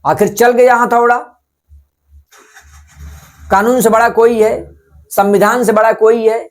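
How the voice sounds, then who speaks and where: A man's voice: very high-pitched, level tone, unhurried. A man giving spoken opinion commentary as a channel host, scolding and rhetorical, repeating phrases for emphasis.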